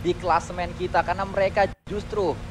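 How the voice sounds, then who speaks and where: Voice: mid-range voice, flat delivery, brisk, soft background music. An esports caster with an Indonesian accent giving live, detailed, urgent play-by-play of a game match.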